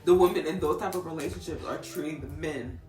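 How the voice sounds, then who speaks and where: A woman's voice: sits low, fast, darkish tone, echoey room, far from the mic, faint music behind. A young woman co-hosting a podcast in casual chat, earnest and questioning, with repeated phrases. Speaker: podcast co-host.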